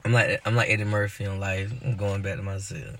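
A man co-hosting a casual podcast chat, slangy and joking with quick interjections. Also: lowish voice, flat delivery, a little hiss or hum. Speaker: podcast co-host.

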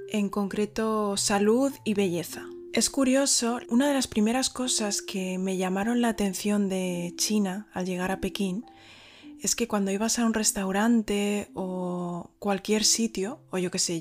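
A woman in her thirties from Spain, with a Spain Spanish accent, chatting casually as host of her own vlog. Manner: chatty, acts out quoted people in a high voice. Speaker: vlogger host. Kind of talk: casual chat to camera.

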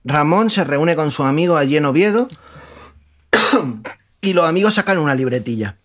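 A man with a notably high voice talks through a comedic music segment on a radio show. He jokes and laughs often, and now and then he breaks into squeaky mocking impressions. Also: animated, normal speed, a bit bright. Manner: joking, frequent laughter, mocking falsetto imitations. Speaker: radio host. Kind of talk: humorous music commentary.

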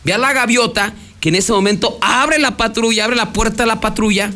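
A Mexican Spanish-accented man hosting news radio recounts a court hearing in a rambling, conversational way, often restarting and acting out the quotes. His voice is high-pitched, fairly quick, and sharp.

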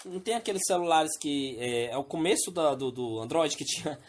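A young woman telling a story in casual chat, animated and often laughing. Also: low-pitched, brisk, over a noisy crowd. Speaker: group chat participant.

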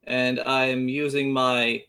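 Tabletop player, middle-pitched voice, casual chat with playful in-character turns. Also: level tone, takes it slowly, pushed and bright, clear, resonant tone.

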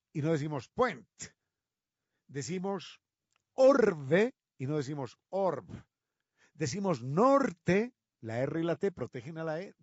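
A fairly high-voiced man explains how words changed, slowing down to stress each example. The recording is dry and a little dull. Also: a little mellow, no echo. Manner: slow, emphatic on example words. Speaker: radio presenter of a language segment. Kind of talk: explanatory talk on word origins.

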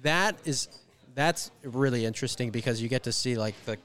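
A man's voice: medium pitch, fairly quick, fairly bright tone. A man hosting a podcast, talking casually and rambling with many fillers and restarts. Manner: rambling, heavy use of "like" and fillers. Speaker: podcast host. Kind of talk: casual conversation.

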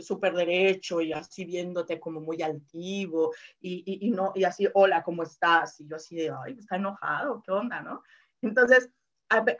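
A woman's voice: medium pitch, pushed and bright, lo-fi sound. A woman giving a casual informal lesson, chatty, full of fillers and tag questions, acting out quoted voices. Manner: acts out voices in quoted asides. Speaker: presenter explaining personality colors.

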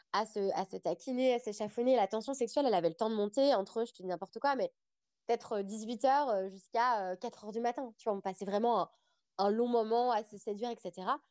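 A woman's voice: mid-range voice, no echo. Chatty young woman telling a story. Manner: chatty, animated storytelling with frequent fillers. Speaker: podcast guest. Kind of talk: casual storytelling interview.

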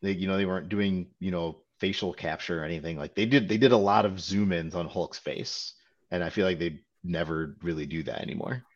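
Low-voiced man chatting on a podcast. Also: a little fast, highs cut off. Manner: rambling, lots of "like" and "you know". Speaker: podcast co-host. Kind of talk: casual film discussion chat.

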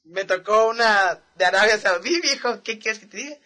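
A man's voice: high-pitched, moderate pace, sharp tone. A young man with a northern Mexican accent, chatting casually and telling a story in slang, laughing often. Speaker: podcast co-host. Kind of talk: casual chat.

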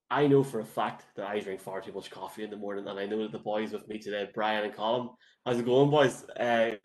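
An Irish man hosting a sports show in a casual, chatty and enthusiastic way. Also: medium pitch.

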